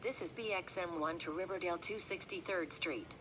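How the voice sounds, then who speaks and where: Woman, lower voice, automated bus stop announcement, measured and flat, noisy bus recording. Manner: flat, measured, clipped readout. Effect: bus stop announcement over the onboard speaker. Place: inside a moving city bus. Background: engine rumble and road noise.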